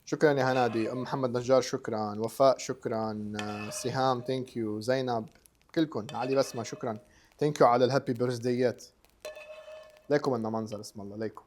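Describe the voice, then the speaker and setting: A man's voice: mid-range voice, fairly even intonation, quick pace, darkish tone, faint music behind. A chatty man with a Lebanese accent hosting a live online cooking show, casually greeting viewers, repeating himself and dropping in English words.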